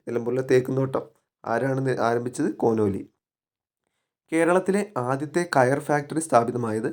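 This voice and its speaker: A man runs an exam-coaching lesson in a steady, mid-pitched voice. He poses questions, answers them himself, and repeats each key fact so it sticks. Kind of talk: spoken exam-prep lesson.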